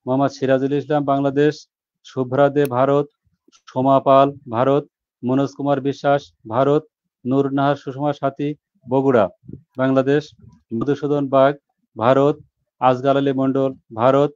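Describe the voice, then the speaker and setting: A man, the book's editor, reading out a long list of contributors in a steady, even voice. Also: mid-range voice, clean tone, no room sound. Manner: steady, monotone listing. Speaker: book editor. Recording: dull lo-fi sound.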